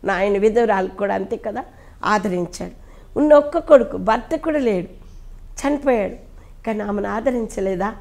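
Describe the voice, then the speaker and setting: A woman pastor with a Telugu accent, preaching a sermon fervently, swinging between loud rises and hushed drops. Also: medium pitch, expressive, moderate pace, gravelly. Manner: repeats pleading prayer lines ending in "ayya".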